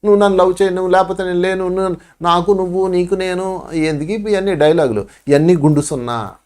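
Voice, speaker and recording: Higher-voiced Telugu man preaching. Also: quick pace, darkish tone, smooth. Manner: preachy, acts out pleading voices. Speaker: spiritual teacher. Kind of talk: spiritual talk.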